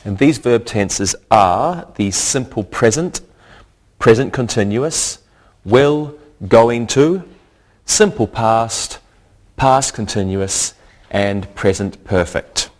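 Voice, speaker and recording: A man teaching a scripted English lesson, speaking deliberately and repeating each word for learners. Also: on the low side, lively intonation.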